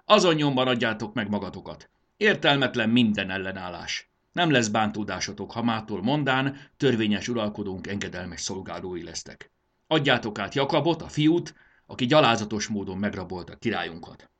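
A man's voice: fairly low pitch, lively intonation, fairly bright tone. A man voicing a pompous, hot-tempered male warlord who bellows commands in a storybook reading. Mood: commanding. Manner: bellowing commands, self-important.

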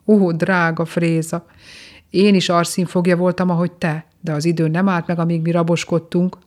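Earnest, protective husband and king , read by a woman; lowish voice, storybook reading. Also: flat delivery, darkish tone, close to an everyday voice. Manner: earnest, reassuring.

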